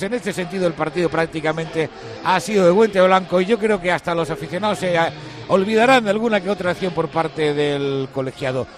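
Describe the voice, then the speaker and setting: A man with an accent from Spain reporting live from the touchline of a football match. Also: high voice. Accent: Spanish from Spain.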